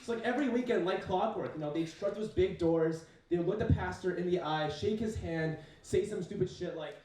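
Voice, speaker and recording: A young man whose first language is Chinese does a casual stand-up set on a university comedy stage, full of fillers, swearing and self-mockery. His high voice moves fairly quickly, picked up by a distant mic with heavy echo and a noisy background.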